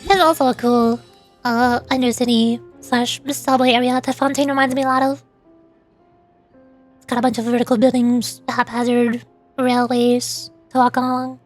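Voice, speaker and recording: This high-pitched woman keeps a normal pace and a flat delivery as she rambles through casual live-stream commentary with music behind her. Her explanations are chatty and sprinkled with playful asides.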